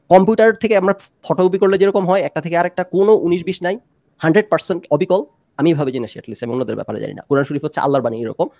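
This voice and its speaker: A man arguing his point in a fast-paced debate, often slipping English phrases into his Bangla. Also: on the high side, darkish tone, dry recording, clean studio sound. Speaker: discussion panelist.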